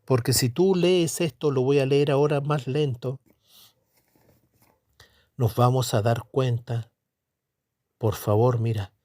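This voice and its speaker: A man's voice: mid-range voice, fairly even intonation, slow pace, long pauses, warm tone, dry recording. A middle-aged man preaching a Bible teaching sermon, emphatic, asking questions and answering them himself. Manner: emphatic, asks and answers his own questions; repeats tag question "¿no es cierto?".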